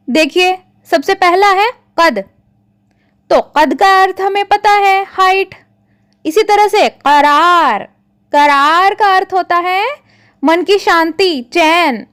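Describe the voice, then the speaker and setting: Female teacher, children's lesson, very high pitch, unhurried and patient, dry close sound. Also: fairly bright tone, no echo. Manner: patient, addresses the children often, stretches out example words. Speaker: Hindi teacher.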